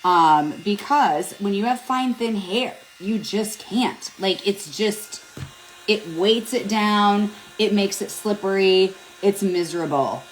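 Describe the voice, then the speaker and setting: A woman's voice: mid-range voice, slow, slight background noise, rough recording. A middle-aged woman chatting casually through a hair tutorial at home, rambling and joking at her own expense. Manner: chatty, self-deprecating, rambling with fillers. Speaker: beauty vlogger. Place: home, at a mirror.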